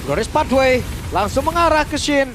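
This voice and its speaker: A man calling a match as an excited fighting game announcer, dramatic and urgent. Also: extremely high pitch, normal speed, noisy background. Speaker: esports play-by-play caster. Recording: loud music behind the voice.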